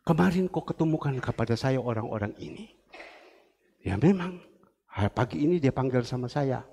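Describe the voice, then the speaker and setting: A man's voice: medium pitch, animated, normal speed, creaky, warm tone, husky. A male pastor preaching a sermon in a church, telling a personal story to the congregation. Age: older. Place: large church hall. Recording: long church hall reverb.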